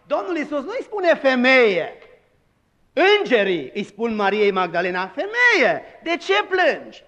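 A man's voice: extremely high pitch, fairly bright tone, big-room sound. A man preaching a sermon as pastor, with emphatic delivery and dramatized quoted lines.

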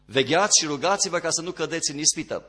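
A man preaching a sermon, dropping to quiet low passages and rising into emphatic, louder ones. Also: lively intonation.

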